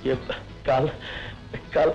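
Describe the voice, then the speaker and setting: A man's voice: slow, lo-fi sound, faint music behind, lightly acted. A young actor playing an earnest youngest brother in a melodramatic film, pleading with his family and tender with the woman he loves. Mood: shy. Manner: pleading, then shy and tender.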